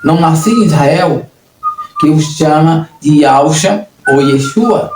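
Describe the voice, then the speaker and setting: A man's voice: fairly high pitch, lively intonation, takes it slowly. A Brazilian man preaching a sermon in an earnest, repetitive way, often restarting his phrases. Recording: echoey room, distant mic, noisy.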